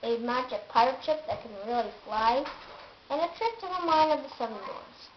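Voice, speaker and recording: A woman's voice: high-pitched, expressive, moderate pace. A woman reading aloud and voicing a cheerful, friendly cartoon mouse who speaks in a polite, upbeat way. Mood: enthusiastic. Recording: roomy, dull, noisy home recording.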